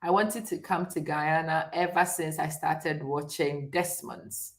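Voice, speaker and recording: A woman's voice: low voice, fairly even intonation, a little slow. A middle-aged woman from Ghana hosting a chatty live stream, talking directly to viewers and often laughing. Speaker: host.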